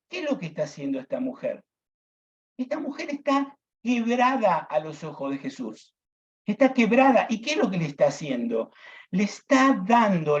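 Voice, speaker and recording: A deacon teaching a Bible class, emphatic, repeating key phrases and addressing listeners as brothers. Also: male voice, high voice, muffled recording.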